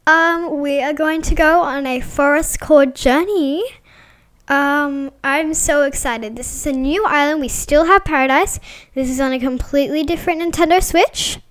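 A woman giving casual, chatty gameplay commentary as a vlogger, excitable and full of fillers. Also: high-pitched, moderate pace. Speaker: gaming vlogger.

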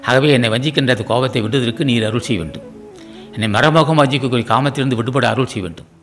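A man's voice: medium pitch, fast, fairly bright tone, faint music behind. Man preaching a devotional sermon. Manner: repetitive, pleading rhetorical questions; frequent throat clearing. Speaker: spiritual teacher.

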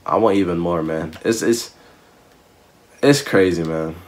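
Young guy w a really deep low voice, slangy laid-back reaction talk, keeps saying bro and y'all. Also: measured pace, a little mellow. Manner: slangy, loose and emotional, often addressing viewers as "y'all" and "bro". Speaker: music reaction host. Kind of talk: casual reaction commentary.

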